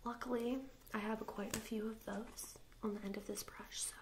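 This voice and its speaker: A woman's voice: a little high, level tone, moderate pace, very noisy, lightly acted. A young woman playing a snooty popular girl in a whispered role-play, with a mock-sweet, snippy, condescending manner. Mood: smug, belittling. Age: young adult. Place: small indoor room, seated before camera.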